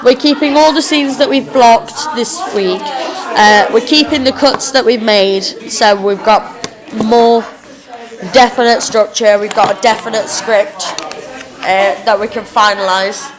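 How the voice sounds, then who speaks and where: A young woman with a slightly chavvy working-class English accent, giving an informal, halting spoken self-review as a drama student. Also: on the high side, a crowd in the background, low-quality recording. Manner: hesitant, halting, thinking aloud. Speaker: drama student recording a reflective blog.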